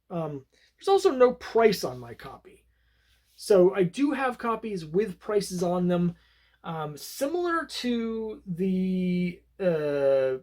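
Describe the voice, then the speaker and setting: A man's voice: high voice, a little mellow. A man casually reviewing an old comic book, talking in a rambling, conversational way with many fillers and restarts.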